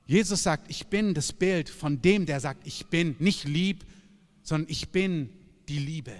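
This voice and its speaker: A man preaching a sermon in a lively, emphatic, conversational way, with sudden loud bursts. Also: fairly high pitch, a little slow. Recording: long reverb of a large hall.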